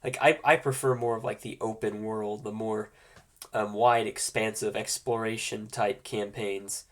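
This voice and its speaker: A game master with a cold-congested, nasal voice hosts a tabletop roleplaying game, explaining matters informally and haltingly. He speaks fairly low, with a steady tone.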